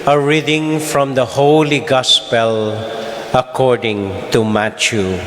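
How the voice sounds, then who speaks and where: Priest guy doing a solemn gospel reading, really slow, big cathedral echo w some hiss. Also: medium pitch, fairly even intonation, a bit bright. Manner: measured, deliberate, phrase-by-phrase delivery. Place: large reverberant church. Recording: cathedral echo, long reverb, hissy noise.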